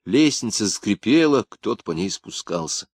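A man narrating a novel in a measured, even storytelling voice. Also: on the low side, breathy edge, no echo, clean studio sound. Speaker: audiobook narrator. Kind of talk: scripted narration.

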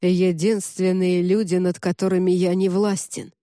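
A woman reading the part of a cold, composed middle-aged male cardinal inquisitor, who speaks calmly, slowly and with indifference. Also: fairly low pitch, dry recording, studio quality, natural voice. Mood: coolly menacing. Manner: calm, slow, indifferent.

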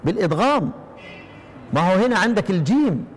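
Egyptian male recitation teacher, high pitched, chants verses and quizzes students, reverberant hall. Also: very animated, slightly rough. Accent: Egyptian Arabic. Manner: quizzing listeners with repeated questions, chanting verse slowly. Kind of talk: explaining a recitation poem to students.

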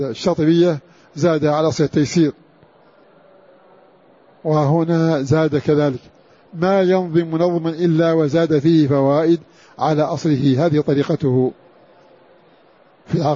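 Husky-voiced male teacher, lo-fi recording. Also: on the high side, dark tone. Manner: repeats phrases for emphasis and chants short recitation examples. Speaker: Quran scholar teaching a class. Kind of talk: classroom lecture on Quran orthography. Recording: dull lo-fi lecture recording.

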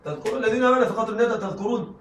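Male lecturer, rapid and high-voiced, keeps asking the class if they follow; roomy sound from a mic set back. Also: fairly even intonation, fairly bright tone, slight background noise. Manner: checks in with the class, frequent laughing asides. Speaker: teacher. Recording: echoey room, mic at a distance.

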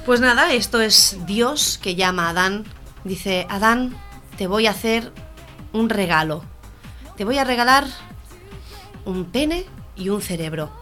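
Female co-host, lively joke-teller who plays the parts, faint music bed. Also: medium pitch, a little slow, pauses often. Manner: animated joke delivery, acting out voices. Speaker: radio comedy co-host. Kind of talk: joke-telling radio banter.

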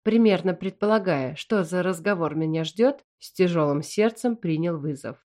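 A woman narrating a fantasy novel in first person with an even, measured reading. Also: lowish voice. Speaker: audiobook narrator.

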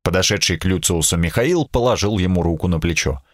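A man narrating an audiobook in a steady, expressive reading. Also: low-pitched, brisk, dry recording, studio quality. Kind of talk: scripted narration.

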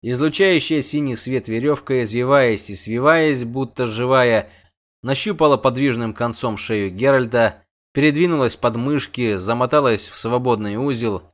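A man's voice: medium pitch, moderate pace. A man narrating an audiobook with tense, vivid storytelling.

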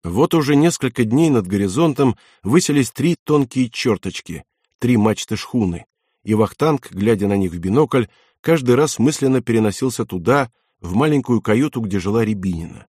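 A man reads a war novel aloud as an audiobook narrator, steady and measured. His voice is of middling pitch and sits close to the mic in a dry, dead space. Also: husky, no room sound.

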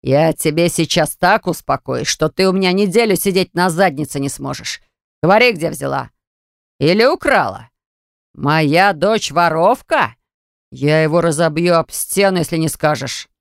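A harsh middle-aged father spits slow, heavy threats in this audiobook scene, as a woman narrator puts him on. His voice drops below hers and presses loud on every word. The reading stays close and dry. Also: deep voice, sing-song, gravelly, dry recording, exaggerated voice. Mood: menacing. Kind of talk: audiobook character voice.

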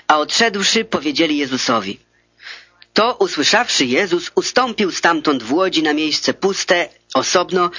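A man reading scripture as a steady, formal audiobook narrator. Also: high-pitched, slightly rough, no echo. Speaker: scripture reader. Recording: dull lo-fi dry recording.

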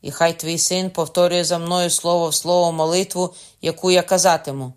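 A woman's voice: lowish voice, steady tone, brisk, smooth, voice pushed up, lightly acted. A woman voicing a brutal young swordsman. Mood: commanding. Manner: shouting, threatening. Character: hot-tempered young male soldier, brutal, mocking.

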